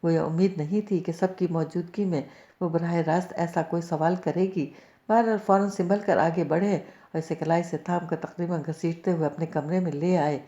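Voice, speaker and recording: A woman narrating a novel as an audiobook reading, steady storytelling. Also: on the low side. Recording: echoey, slightly dull recording.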